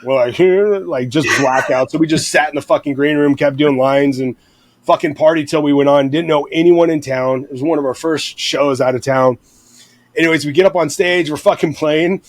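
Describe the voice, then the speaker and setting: A man's voice: fairly high pitch, normal speed. A man in his thirties, a former lead singer, telling rowdy, profane tour stories in a casual podcast chat. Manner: rowdy, profane, animated storyteller.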